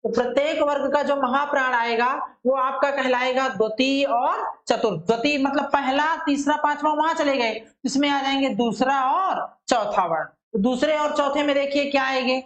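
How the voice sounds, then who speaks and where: High-voiced woman teaching in an echoey room. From India. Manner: asks rhetorical questions and answers them herself; slowly drawn-out demonstration syllables. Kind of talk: classroom-style lesson.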